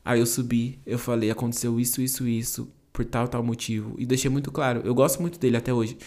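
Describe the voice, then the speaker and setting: A young man from Brazil, hosting a podcast and telling an emotional personal testimony in a casual, animated way, acting out the dialogue as he goes. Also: mid-range voice, quick pace. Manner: animated, slangy, acts out dialogue in his story. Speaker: podcast host sharing testimony.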